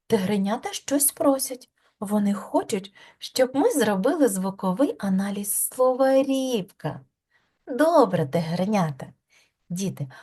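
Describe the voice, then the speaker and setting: A woman's voice: mid-range voice, darkish tone, slightly rough. A woman teaching a preschool lesson, asking patient questions and praising the children.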